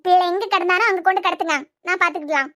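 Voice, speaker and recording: Cartoon young wife voiced by a woman, high bright voice, quick and defiant, Kanyakumari accent. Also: fairly even intonation, dry recording, clean studio sound. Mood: sullen. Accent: Kanyakumari Tamil. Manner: low, muttering and defiant. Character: sullen young wife and mother, stubborn. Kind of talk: cartoon serial voice acting.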